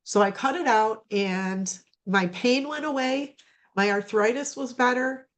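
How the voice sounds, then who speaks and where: A woman's voice: a little high, unhurried. A woman giving a casual personal testimonial over a video call, rambling with many fillers and restarts. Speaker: program client giving a testimonial.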